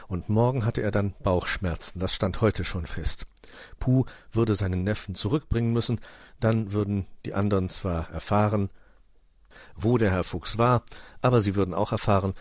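A man narrating a children's story in a lively, expressive way. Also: fairly low pitch, dry recording, clean studio sound.

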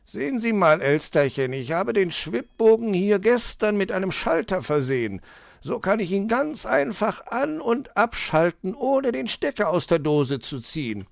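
A fussy male fox, proud of his little inventions, as a man puts him on. His voice is raised and lively, swinging from self-satisfied to huffy. It is recorded close and dry. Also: high-pitched, unhurried, creaky, no echo, pitched above the performer's own voice, heavily acted.

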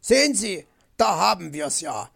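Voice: mid-range voice, very animated, a little slow, gravelly, a bit bright, slightly rough, heavily acted. A storybook narrator voicing Mr. Fox, a fussy, bossy male fox who grumbles and lectures.

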